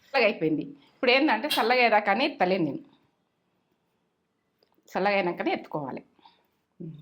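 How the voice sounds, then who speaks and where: A woman's voice: medium pitch, expressive, fast, fairly bright tone. A middle-aged woman hosts a cooking channel, chatting and giving homely advice and repeating herself as she goes. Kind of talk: casual cooking chat with advice.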